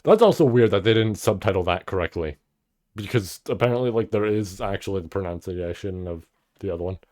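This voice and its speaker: A man with a very low voice talks through an anime episode in casual, offhand commentary. He muses aloud and lets a swear word slip when a scene impresses him. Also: fairly quick. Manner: musing, swears when excited. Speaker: anime reaction host.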